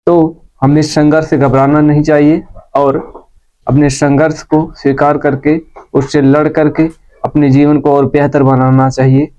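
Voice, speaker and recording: Slow, deep-toned male grammar teacher. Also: flat delivery, warm tone. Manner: slow, deliberate, repeats points for students. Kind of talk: classroom lesson. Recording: dull lo-fi sound.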